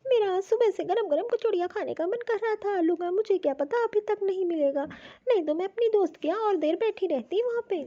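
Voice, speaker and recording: Cartoon: woman doing a whiny spoiled daughter, very high, dark tone, lo-fi. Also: expressive, a little fast, few pauses. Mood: demanding. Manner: whiny, demanding. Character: spoiled young married daughter, demanding, whiny.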